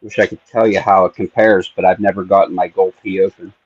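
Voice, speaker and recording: A man's voice: deep voice, level tone, quick pace, breathy edge, dry recording. A man hosting a casual stream, muttering to himself as he works. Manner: mutters to himself while working. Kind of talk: casual chat while picking. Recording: dull lo-fi stream audio.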